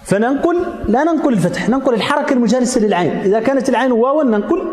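A man's voice: extremely high pitch, animated, rapid-fire, a little mellow. A man giving a grammar lesson, explaining step by step and stopping to check that his listeners have understood. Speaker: teacher of Arabic grammar. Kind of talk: classroom lecture. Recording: echoey hall reverb.

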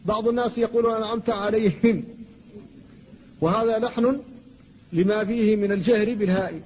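A man teaching a classroom lecture, slowly and deliberately demonstrating how sounds should be pronounced. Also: sits high, darkish tone, big-room sound. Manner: slow, deliberate demonstrations of pronunciation. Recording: dull lo-fi recording with faint noise.

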